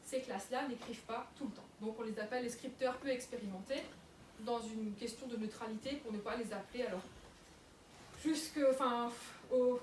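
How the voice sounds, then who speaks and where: A young woman giving a public lecture in a museum, talking with many fillers and restarts. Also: on the high side. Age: young adult. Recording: echoey room, mic far off, noisy.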